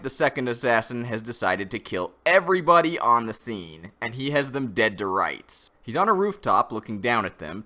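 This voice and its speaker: A man hosting a comic review channel talks through his critical, opinionated take in a semi-scripted, conversational way. His voice is mid-range, with a pushed, bright quality.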